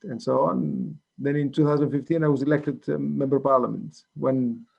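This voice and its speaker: A man's voice: mid-range voice, steady tone, moderate pace, creaky, husky, lo-fi sound. A man in his sixties, born in Greece, answering interview questions thoughtfully, with many ums and restarts. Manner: hesitant, frequent ums and restarts. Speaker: economics professor, interview guest.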